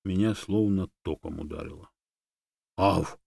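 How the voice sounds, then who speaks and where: A man narrating a children's story in a calm, storytelling manner. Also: low voice, normal speed, no echo. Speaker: audiobook reader. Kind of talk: scripted narration.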